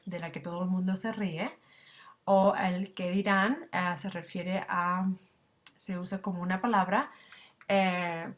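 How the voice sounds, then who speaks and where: Female language instructor, recorded slide lecture, mid-pitched, explanatory, lots of fillers and tag questions.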